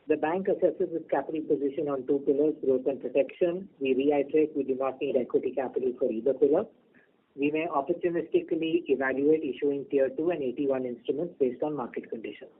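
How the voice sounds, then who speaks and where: A man, a bank executive reading prepared earnings remarks over a conference call, measured and steady through lists of figures. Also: mid-range voice, breathy edge. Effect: conference call over a phone line. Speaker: bank executive presenting results. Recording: tinny phone line with faint noise.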